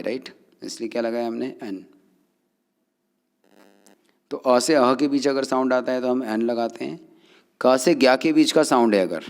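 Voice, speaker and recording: A man's voice: medium pitch, big-room sound. A man teaching English grammar to Hindi speakers, explaining step by step and often checking understanding.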